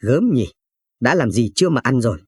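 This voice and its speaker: A man's voice: mid-range voice, sing-song, brisk, darkish tone, breathy edge, dry recording. A man voicing a jealous, spiteful young wife in a narrated story, with a sneering, cutting manner.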